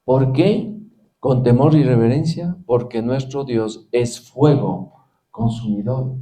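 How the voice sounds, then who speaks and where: Earnest Spanish-speaking man preaching, mellow voice. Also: medium pitch, takes it slowly. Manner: earnest preaching, reading and repeating scripture with emphasis. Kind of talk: sermon.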